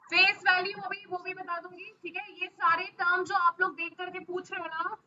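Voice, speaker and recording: A woman with a very high, bright voice teaches a stock market class over a video call, often pausing to check that her students are following. Her audio sounds slightly muffled, with a faint hiss behind it. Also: little pitch movement. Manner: keeps checking in with frequent "ok?" and hesitation fillers. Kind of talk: live online class, answering questions.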